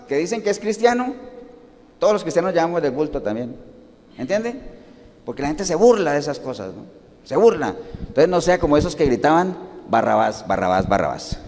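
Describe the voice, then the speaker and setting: A male pastor with a fairly high voice, preaching to his congregation. He keeps asking questions and answering them himself, and now and then acts out the voices of people in his stories. The sound carries a long echo, as in a large hall. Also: expressive, a little fast, a little mellow. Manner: acts out quoted voices within the teaching. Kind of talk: sermon.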